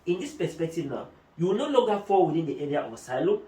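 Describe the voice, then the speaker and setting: Speaking quickly with a warm tone, a slightly high voice, and big pitch swings, a man who works as a migration adviser explains procedures step by step, using German terms. The talk-show discussion was recorded in an echoey room with the mic at a distance.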